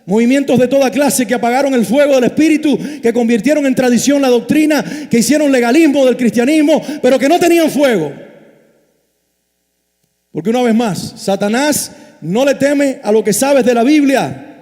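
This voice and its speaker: A man, a pastor preaching a passionate sermon that swings between loud and hushed. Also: very high-pitched, animated, moderate pace. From Cuba. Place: church sanctuary. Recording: reverberant church hall.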